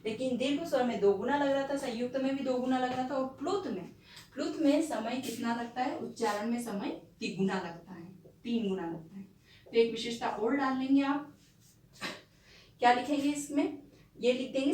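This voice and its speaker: A woman's voice: on the high side, darkish tone. A woman teacher giving an exam-prep grammar lesson, explaining step by step and asking and answering her own questions, sometimes slipping in English words. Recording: echoey room, distant mic, faint background noise.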